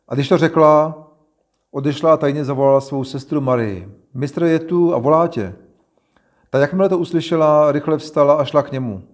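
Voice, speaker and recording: Male preacher, expressive Bible reading, plain mid-pitched voice.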